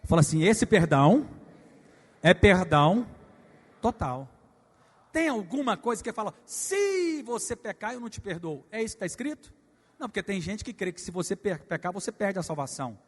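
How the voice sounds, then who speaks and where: A pastor with a high voice preaches to his church, leading call-and-response lines with the congregation. He drops to soft asides and then bursts into shouts. His voice rings with a long hall reverb. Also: big pitch swings, normal speed, breathy edge. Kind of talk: sermon.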